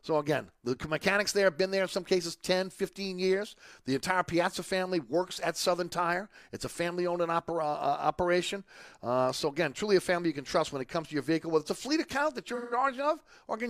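A man's voice: a little high, no echo. A man hosting a radio show, delivering conversational, ad-libbed sponsor reads in a rambling, repetitive way. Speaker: sports and culture radio show host. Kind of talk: live radio ad read, conversational.

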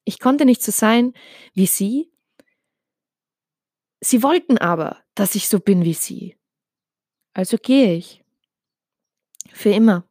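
A woman giving an emotional, intense reading of a dark first-person story, with some passages dropped to a hush. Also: medium pitch, animated, a little slow, long pauses, dry recording, studio quality.

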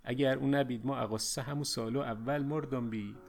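A man's voice: mid-range voice, steady tone, soft background music. Man narrating a reflective story. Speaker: audiobook narrator. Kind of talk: first-person story narration in dialect.

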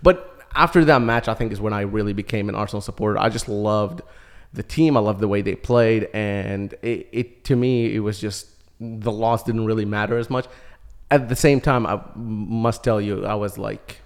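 A man's voice: on the low side, steady tone, moderate pace. A man in his thirties, from Iraq, a podcast guest telling his story in a chatty way and laughing often. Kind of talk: casual chat.

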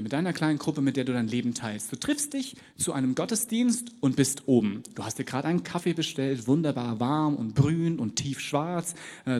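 A man's voice: on the high side, mellow. A man preaching a sermon in a large church, in a casual, conversational way that slips into little acted dialogues. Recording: long reverb of a large church.

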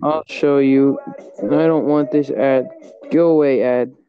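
A man's voice: mid-range voice, fairly even intonation, slow, clean tone, dry recording. A man co-hosting a podcast, chatting in an offhand, joking way. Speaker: podcast co-host. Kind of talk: casual chat. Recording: slightly dull lo-fi sound.

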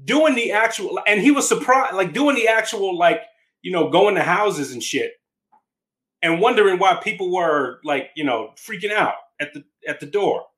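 Man, casual chat, bright edge, lively pitch, laid-back and reminiscing. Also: moderate pace.

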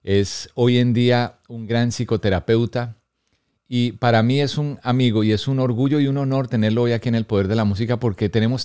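A man's voice: medium pitch, a little mellow, no room sound, clean studio sound. A man hosting a podcast interview, chatty and easygoing, who laughs often and trails off mid-sentence. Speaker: podcast host. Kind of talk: casual conversational interview.

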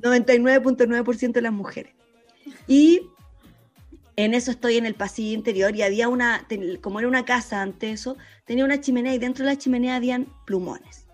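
A Chilean woman telling a story in casual chat, animated and slangy, laughing often. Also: on the high side, brisk, soft background music.

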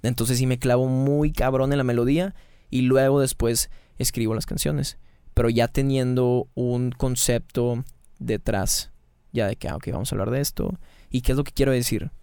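A man with a Mexican Spanish accent, a singer talking casually as a podcast guest, slangy and quick with many restarts. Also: medium pitch, steady tone, warm tone, clear, resonant tone, no echo, clean studio sound. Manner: slangy, fast and repetitive, restarts mid-phrase. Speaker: singer and band founder, guest. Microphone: studio mic in a small treated room.

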